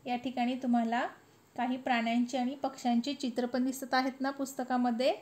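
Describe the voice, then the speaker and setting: A woman teacher, slowly reciting a children's poem and explaining it in a sing-song classroom manner. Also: on the high side. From India. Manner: slow, sing-song recitation with lifted words.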